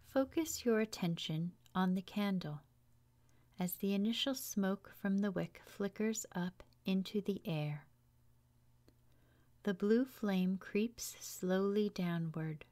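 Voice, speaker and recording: A woman leading a guided relaxation meditation in a soft, hushed, soothing voice, leaving long pauses between phrases. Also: medium pitch. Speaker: yoga teacher guiding meditation.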